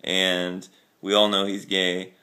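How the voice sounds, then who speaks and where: A man's voice: sits low, completely flat delivery, takes it slowly, pushed and bright. A young man hosting a casual vlog, talking easygoing into a handheld camera. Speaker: vlog host. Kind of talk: casual chat.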